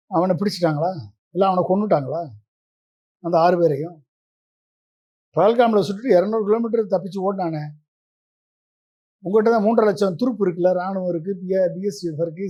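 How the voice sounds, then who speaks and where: Combative high-voiced male interview guest. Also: darkish tone. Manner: combative, fires rhetorical questions. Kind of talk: political interview.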